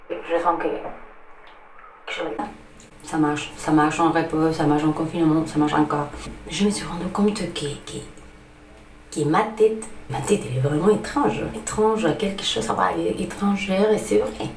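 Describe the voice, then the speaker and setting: A woman's voice: low-pitched, far from the mic. A young woman from Chile, speaking French with a Chilean Spanish accent, doing a chatty, self-mocking stand-up monologue. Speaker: comedian. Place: small bathroom at home. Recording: echoey bathroom, off-mic, faint hiss.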